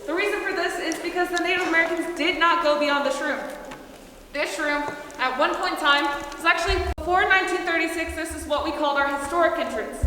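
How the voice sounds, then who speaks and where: A high female voice gives an explanatory guided tour. It carries from far off through a cave, with heavy echo and clear background noise. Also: bright, forceful tone. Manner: explanatory, instructing. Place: inside a cave, heard from a distance. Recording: echoing cave, distant, noisy, long reverb.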